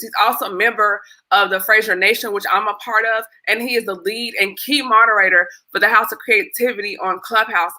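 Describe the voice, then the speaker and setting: A woman's voice: mid-range voice, pushed and bright. A woman hosting a podcast, introducing her guest in an upbeat, chatty way. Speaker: podcast host.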